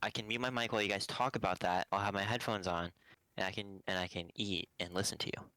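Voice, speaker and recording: Bright, crisp-voiced podcast host, dry sound. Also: male voice, sits low, fairly even intonation, fast talker, dry recording. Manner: hesitant, dodges topics. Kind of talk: casual chat.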